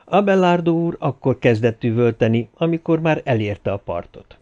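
A man narrating a novel as an audiobook in a steady storytelling delivery. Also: mid-range voice, dull audio.

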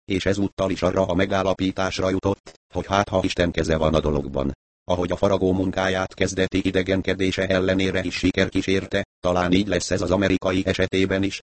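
Male audiobook narrator, calm and even, very deep, dry close mic. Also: no echo. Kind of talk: audiobook reading.

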